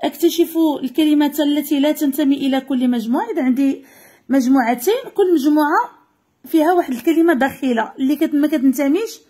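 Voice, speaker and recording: Moroccan woman teacher, very high voice, clear repetitive lesson delivery. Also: mellow. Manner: clear, repeating answers slowly for pupils. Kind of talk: Arabic lesson and story reading.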